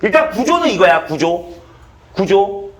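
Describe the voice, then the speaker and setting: A man's voice: high-pitched, big pitch swings, unhurried, fairly bright tone, a little hiss or hum. A male math teacher giving a classroom lecture, blunt and swearing casually as he quizzes students.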